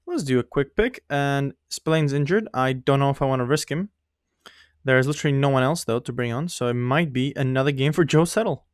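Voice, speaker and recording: This is casual gameplay talk from a young YouTuber whose first language isn't English, full of self-mockery, rambling and laughter. He speaks fairly quickly in a mid-range voice. The studio-quality audio has no room sound.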